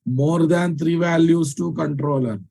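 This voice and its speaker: A man with a Telugu Indian accent lectures live on programming. His voice sits a little high for a man and has a very soft, mellow tone. He repeats key phrases for emphasis and often stops to ask whether learners follow. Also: fairly even intonation, unhurried, creaky. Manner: repeats phrases for emphasis, checks understanding with questions. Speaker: programming teacher.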